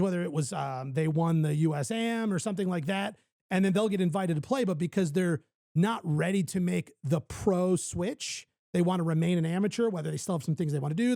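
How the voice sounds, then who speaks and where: A man with a high-pitched voice hosts a casual chat show. He banters and jokes in a creaky tone, recorded very dry. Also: darkish tone, no echo. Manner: joking, banters with the panel. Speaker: talk show host.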